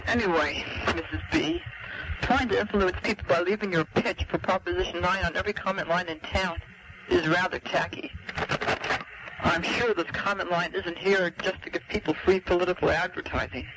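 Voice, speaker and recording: A high-pitched male caller speaks over clear background noise on a recorded phone message. He argues earnestly and emphatically, in a reproving, partly prepared way. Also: normal speed. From lives in California. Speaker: caller leaving a message on a comment line.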